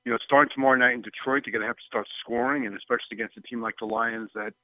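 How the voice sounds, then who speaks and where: A man's voice: medium pitch, steady tone, rapid-fire, dry recording. A man calling in over the phone as a sportswriter guest, chatting loosely with many "you know"s and "um"s. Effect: phone line. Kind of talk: casual call-in chat. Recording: tinny phone line.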